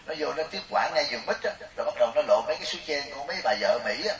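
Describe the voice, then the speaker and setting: A man's voice: on the high side, lively intonation, very fast, fairly bright tone, a little hiss or hum. A middle-aged man giving a humorous Buddhist sermon, chatty and storytelling, often turning to ask his listeners questions. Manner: storytelling, chatty, keeps asking the audience questions. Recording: roomy, distant mic.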